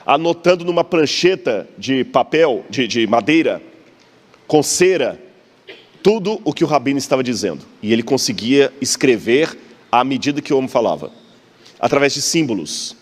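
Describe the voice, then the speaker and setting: A man with a Brazilian Portuguese accent giving a didactic public lecture, asking the audience questions and pointing to slides. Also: mid-range voice. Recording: long hall reverb.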